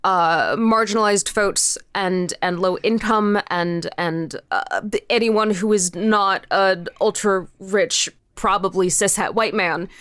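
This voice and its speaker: A woman who created a podcast show appears as an interview guest, chatting casually and telling stories in a rambling, emphatic, informal way. Her mid-range voice is a bit bright and clean, and she speaks slowly with hardly any pauses in a dry recording.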